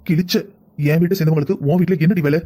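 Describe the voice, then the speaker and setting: A man voicing family-drama cartoon characters with a quick, scolding delivery. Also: on the high side, fairly even intonation, warm tone. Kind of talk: Tamil cartoon voice acting.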